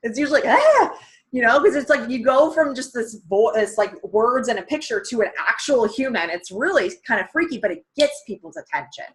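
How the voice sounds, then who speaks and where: A woman in her thirties coaching a group on a sales video call, talking frankly and casually and acting out what prospects say. Her voice is hoarse from losing it, and her tone sits fairly high for a woman. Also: lively intonation, brisk, hardly any pauses, fairly bright tone. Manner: chatty, frank, acts out prospects' lines. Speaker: presenter of a sales training call.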